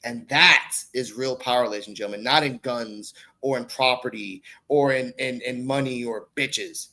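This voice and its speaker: On a rough recording, a man from the Bronx, New York, speaks with a mid-range, bright, forceful voice at normal speed. A guest on a casual podcast, this online content creator and podcaster rambles loosely, using slang and some swearing.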